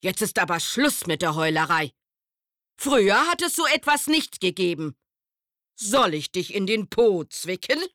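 A woman's voice: low-pitched, steady tone, takes it slowly, bright, forceful tone, no room sound, studio quality, full character voice. A woman voicing a grumpy, strict old male stag beetle in a children's story, speaking sternly and scolding.

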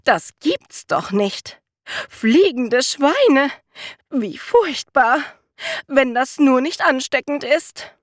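A woman voicing a flustered farm maid, crying out in shrill, slow, horrified exclamations. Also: sing-song, dry recording, studio quality, full character voice. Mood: alarmed.

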